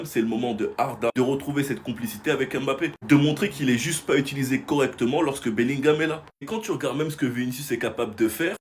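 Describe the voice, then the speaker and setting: A man hosts a casual football reaction, chatting straight to his viewers at a middle pitch. A faint hiss of background noise sits under his voice. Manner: chatty, addresses viewers directly.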